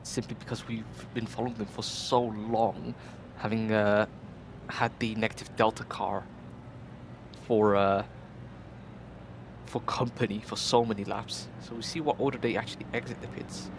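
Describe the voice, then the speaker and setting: A male race commentator giving measured, analytical live commentary, pausing often with "uh". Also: on the low side, level tone, vocal fry. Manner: measured, analytical, many "uh" pauses. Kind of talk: live sim racing commentary. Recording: loud background noise.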